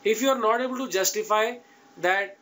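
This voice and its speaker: A man's voice: sits high, a little fast, fairly bright tone. A man with an Indian accent giving informal, direct advice to students as an interview coach, emphatic and often checking in with his listeners. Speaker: interview coach teaching an online class.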